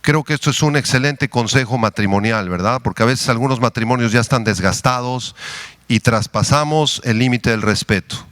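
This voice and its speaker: A man from Mexico preaching a sermon as pastor, leading the congregation in prayer and Bible reading with slow, deliberate emphasis. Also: medium pitch, a bit bright, no echo, studio quality. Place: church.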